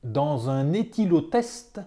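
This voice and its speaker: A teacher giving a dictation at an extremely slow pace, with every phrase said several times over and the punctuation marks spoken aloud. The voice is dark and mellow, with a middle pitch. The delivery stays measured and deliberate throughout. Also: very animated.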